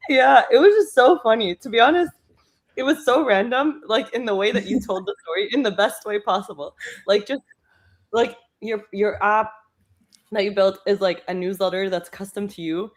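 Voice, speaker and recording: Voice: medium pitch, normal speed. A judge in a casual livestream chat, bubbly and full of fillers. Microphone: video call.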